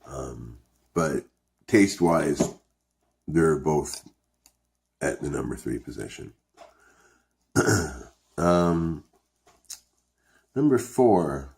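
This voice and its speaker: A man with a very low voice talks at a distinctly slow pace. He sounds like a vlogger in casual chat, rambling and hesitating as he thinks things through out loud. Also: lively intonation, vocal fry. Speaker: video host reviewing dipping tobacco.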